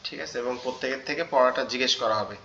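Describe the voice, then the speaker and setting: A man's voice: medium pitch, very fast, sharp tone, roomy sound, highs cut off. A male teacher giving an online class, explaining where sounds are made and repeating each letter sound in drills, often checking "okay?". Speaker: Quran teacher.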